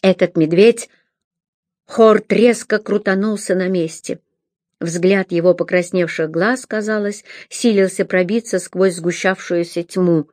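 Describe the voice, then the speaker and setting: A woman reading an audiobook in a measured, even storytelling voice. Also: on the low side, dry recording, clean studio sound. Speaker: audiobook narrator. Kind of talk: scripted narration.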